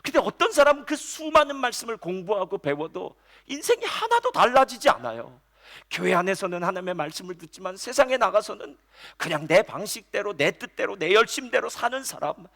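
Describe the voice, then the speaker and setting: A middle-aged man preaching a Sunday sermon as senior pastor, with animated delivery that drops to soft storytelling. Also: high voice, brisk, gravelly.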